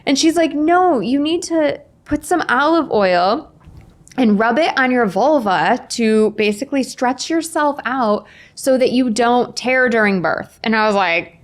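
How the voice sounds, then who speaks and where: A woman in her forties, appearing as a guest author on an in-person podcast recorded indoors, tells personal stories in a casual way. She's animated and acts out the quoted dialogue, speaking a little slowly in a slightly high voice.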